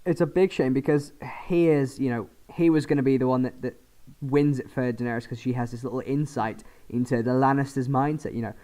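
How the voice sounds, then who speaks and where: A man co-hosting a podcast in a casual chat, animated, acting out quotes, sometimes trailing off quietly. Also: medium pitch, brisk. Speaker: podcast co-host.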